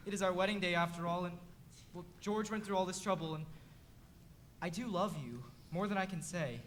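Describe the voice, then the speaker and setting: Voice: mid-range voice, a little fast, a little hiss or hum, lightly acted. A young actor playing an earnest, lovesick groom who pleads in a stage musical. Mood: pleading.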